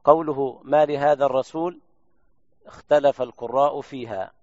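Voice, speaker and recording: A man's voice: mid-range voice, a little mellow, no echo. Male reciter demonstrating readings, dry sound. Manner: slow drawn-out recitation of examples, then brisk explanation. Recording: dry, dull lo-fi recording.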